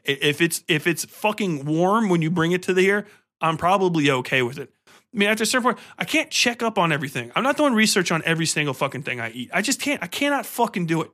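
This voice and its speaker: With a bright, forceful, fairly high voice, this American podcast host rants comedically in a relaxed, slangy, conversational way. He curses freely and lands his words with exasperated emphasis.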